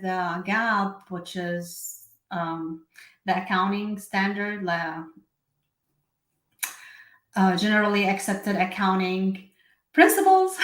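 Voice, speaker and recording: Chatty woman from Syria, echoey room. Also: mid-range voice. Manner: chatty, with many fillers and self-corrections. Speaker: bookkeeping and tax host. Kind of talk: casual live explainer.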